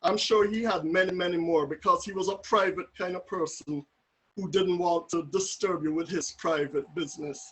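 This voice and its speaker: A man's voice: high-pitched, fairly even intonation, moderate pace, fairly bright tone, breathy edge, rough recording. A man with a Jamaican accent telling a vivid family story at a memorial, over a video call. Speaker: family member giving a tribute.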